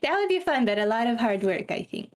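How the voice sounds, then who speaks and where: A woman's voice: a little high, big pitch swings, fast talker. A woman chatting casually on a stream, reading her chat aloud and rambling with frequent laughter.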